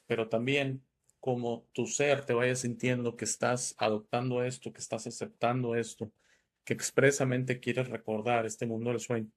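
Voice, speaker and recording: Man from northern Italy, host, gravelly voice, casual reflective storytelling. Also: mid-range voice. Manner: reflective, personal storytelling with fillers. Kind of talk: casual chat.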